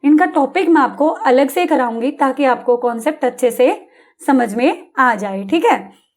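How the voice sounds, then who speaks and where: Lady teacher, high voice, patient, keeps asking kids if they got it. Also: lively intonation, a little slow, darkish tone. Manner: patient, repeats and checks understanding with questions. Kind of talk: exam-prep English lesson for children.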